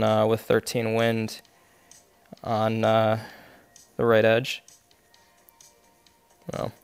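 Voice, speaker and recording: A man with a lowish, creaky yet smooth voice streams a mobile golf game as live gameplay commentary. He explains every shot step by step, using lots of fillers, and sounds congested, coughing now and then.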